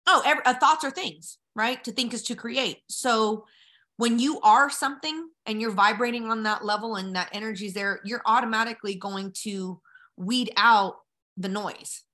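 This podcast guest is an American woman from Colorado whose voice runs a little high, pushed and bright, at a moderate pace. She talks casually and brashly, full of slang and strong opinions, never mincing words.

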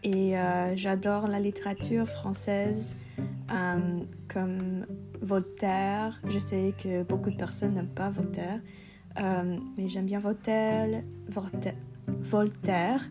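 A young woman from Vancouver, co-hosting a podcast in learner French and pausing often to search for words. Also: medium pitch, little pitch movement, music in the background. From Vancouver, Canada. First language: English. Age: young adult. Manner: hesitant, many "euh" fillers. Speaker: podcast co-host. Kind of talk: casual chat in learner French.

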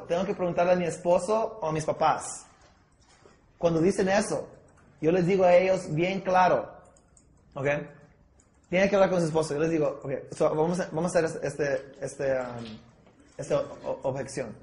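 A man coaching a small group on sales, acting out pitches with a trainee and often dropping English words into his Spanish. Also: darkish tone. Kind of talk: sales training talk with role-play. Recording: echoey room.

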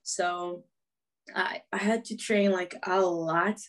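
This Brazilian woman in her twenties is a footballer appearing as a guest on a podcast, chatting casually in English, which she learned after her native Portuguese. Her voice sits on the low side and sounds a bit bright, with fairly even intonation and an unhurried pace. She makes small grammar slips and laughs easily.

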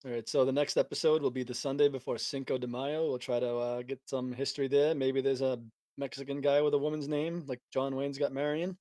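A man hosting a podcast in casual chat, relaxed and rambling, chuckling often. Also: mid-range voice, brisk, no echo. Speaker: podcast host.

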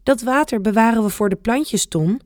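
A kindly old grandma who explains things gently and patiently, as a woman reading a storybook puts her on. Her voice is a touch raised and warm-hearted, recorded dry and close. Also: fairly high pitch, moderate pace, dry recording, pitched above the performer's own voice, close to an everyday voice. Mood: gentle.

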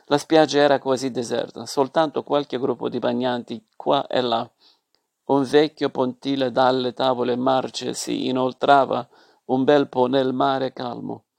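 A man reading a story aloud as its narrator, in a measured, expressive way. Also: mid-range voice, vocal fry, no room sound.

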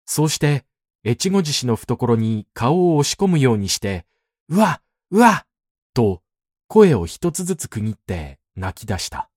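A man reading a classic novel aloud as narrator, in a measured and expressive way. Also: mid-range voice, dry recording, clean studio sound.

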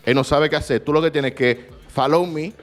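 A man's voice: fairly high pitch, normal speed, faint music behind. A young man, rambling through a story in slangy casual chat as podcast co-host.

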